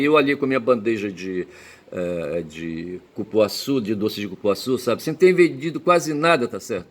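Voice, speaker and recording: Rambling, swearing man. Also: mid-range voice. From Belém, Pará, Brazil. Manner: peppers speech with tag questions; profane, emphatic outbursts. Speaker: commentator. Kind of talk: rambling personal monologue.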